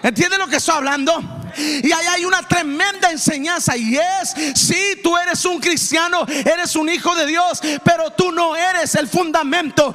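A pastor preaches at full force, his very high, bright voice ringing through a reverberant church sanctuary. He chants phrases in rhythmic runs and calls on the congregation to shout back. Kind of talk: fiery Pentecostal sermon.

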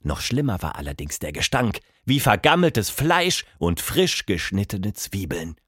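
Male children's-story narrator, very lively pitch, dramatic, dry close sound. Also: measured pace, slightly rough, dry recording.

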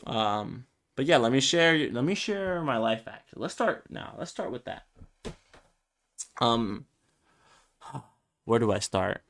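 On his casual solo podcast, a Spanish-speaking man in his twenties from Brooklyn, New York, rambles and jokes at his own expense, stumbling through ums and restarts. His mid-range voice is animated and a bit bright, paced in a measured way with long pauses, and a little hiss or hum is audible.

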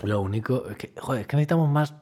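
A man's voice: medium pitch, racing, dark tone, slightly rough. A young man from Spain co-hosting a podcast, playful and giggly, with a silly sense of humor. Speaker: podcast co-host. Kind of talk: casual chat.

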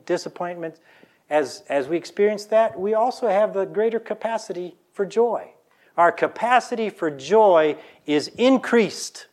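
A man preaching a sermon, earnestly leading the congregation to repeat lines after him. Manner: earnest preaching with swings between loud emphasis and soft low lines; leads the congregation in call-and-response. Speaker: pastor.

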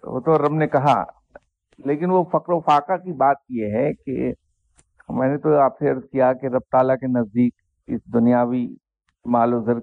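A man, a spiritual teacher telling an anecdote and reflecting on faith in an unhurried, self-deprecating way. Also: medium pitch, no echo. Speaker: spiritual teacher answering questions. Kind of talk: anecdotal storytelling and religious reflection. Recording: dry, tinny phone-like sound.

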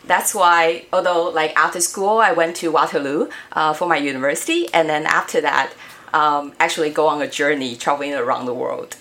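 In a casual interview, a guest who directs robotics education speaks in a low, slightly bright voice at normal speed. She's in her forties, from Taiwan, and not an English speaker, and she's friendly but hesitant, leaning on many fillers.

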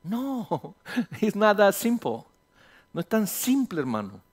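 Pastor, man, high voice, lively sermon delivery, rhetorical questions, slips into English now and then. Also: slow. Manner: animated, rhetorical questions, voices imagined listeners; mixes in English phrases.

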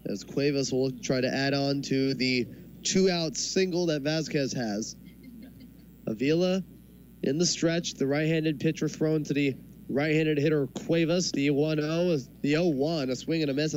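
A man doing live baseball commentary in measured, short phrases with pauses, as the play-by-play announcer. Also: fairly high pitch, darkish tone. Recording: clear background noise from a ballpark. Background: ballpark ambience.

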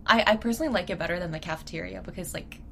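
A woman's voice: on the low side, rapid-fire, creaky, heavy background noise. A young woman co-hosting a casual student podcast, chatting loosely with many "like" fillers. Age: young adult. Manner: chatty, lots of "like" fillers, laughs often. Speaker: podcast co-host, university student. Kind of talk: casual chat.

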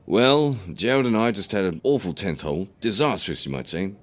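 A man's voice: lowish voice, sing-song, normal speed, voice pushed up. A man voicing an elderly grandfather who tells a rambling, earnest tale. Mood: rueful. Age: older. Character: chatty elderly grandfather, injured golfer.

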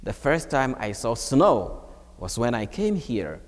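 Slow-preaching priest in a church. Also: male voice, very animated. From Ghana. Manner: slow, measured preaching with wide swings of pitch. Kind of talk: homily at Mass. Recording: long church reverb.

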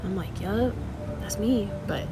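A young adult woman from Sacramento, California, appears as a DJ guest in a casual interview, speaking slangy and relaxed with easy laughter. Her voice is medium in pitch and a little slow, with music playing behind her.

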